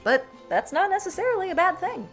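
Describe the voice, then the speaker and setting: A woman's voice: extremely high pitch, big pitch swings, brisk, faint music behind. A woman co-hosting a podcast in casual chat, rambling and playful with many asides. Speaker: podcast co-host.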